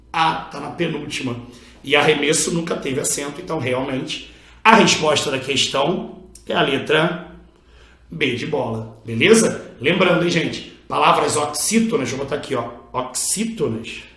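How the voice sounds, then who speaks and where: Brazilian guy teaching accent rules online, kinda high voice, echoey room, keeps saying look here. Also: normal speed, bright, forceful tone. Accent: Brazilian Portuguese. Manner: explains step by step, points and repeats "ó, aqui"; stretches out key words and syllables. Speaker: Portuguese teacher. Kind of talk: online exam-prep lesson. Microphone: recorded over a drawing screen, writing with a pen.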